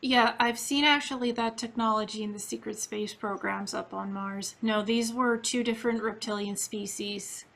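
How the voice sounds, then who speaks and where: A woman's voice: a little high, steady tone, moderate pace, vocal fry, few pauses, a bit bright. A woman from Ukraine interviewing a guest in a casual, earnest, matter-of-fact way.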